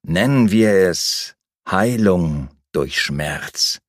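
A man reading an audiobook, voicing a calm, emotionless male captor who speaks in a flat, bureaucratic, unhurried way. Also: low voice, no room sound, clean studio sound, full character voice. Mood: cold menace.

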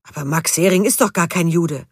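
A woman's voice: fairly low pitch, brisk, breathy edge, no room sound, studio quality. A woman reading an audiobook, voicing a puzzled, cautious man who sounds bewildered.

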